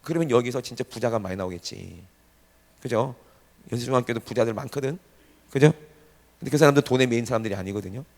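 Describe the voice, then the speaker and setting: A man preaching a revival sermon to a congregation, animated and often shouting, firing off rhetorical questions. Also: medium pitch, fast, pauses often. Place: church sanctuary. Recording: reverberant church hall.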